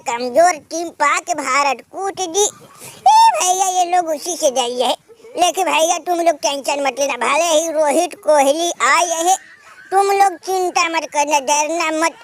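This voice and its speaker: A man's voice: extremely high pitch, a bit bright, heavily acted. A man voicing a wailing, self-pitying rustic village man, in a comic cartoon voice full of sing-song laments and earthy slang.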